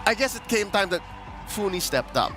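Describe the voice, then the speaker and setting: High-pitched man casting esports over music. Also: sing-song, moderate pace. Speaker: esports caster. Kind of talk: live esports desk commentary.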